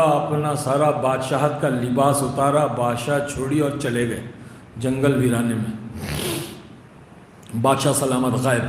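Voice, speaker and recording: A man preaching to a gathered audience, telling a parable and calling out to his listeners. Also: mid-range voice. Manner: animated, addresses the audience directly. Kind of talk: sermon storytelling. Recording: echoey hall, faint background noise.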